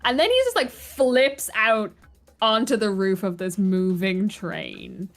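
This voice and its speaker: A woman narrating a tabletop role-playing game in an informal, animated storytelling way. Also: mid-range voice, takes it slowly, gravelly, faint music behind. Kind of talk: casual improvised game narration.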